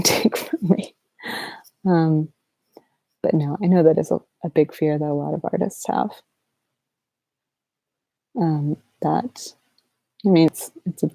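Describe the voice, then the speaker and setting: A sleep-deprived woman chatting softly and casually as an ASMR livestream host, in a halting, low-energy, rambling way. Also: vocal fry, no room sound, poor audio. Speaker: ASMR artist hosting a livestream Q&A.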